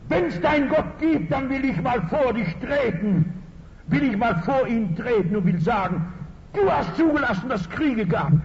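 A preacher playing a furious street agitator. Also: male voice, extremely high pitch, sing-song, normal speed, noisy background, pitched above the performer's own voice, heavily acted. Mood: accusing. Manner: loud, accusing rhetoric. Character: angry male street agitator, working-class, accusing God. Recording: dull lo-fi recording in a reverberant hall.

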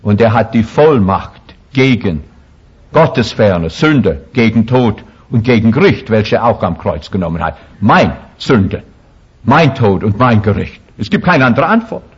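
A man's voice: fairly low pitch, animated, measured pace, breathy edge, lo-fi sound. A man preaching a sermon as pastor, talking emphatically and making frequent slips in his grammar.

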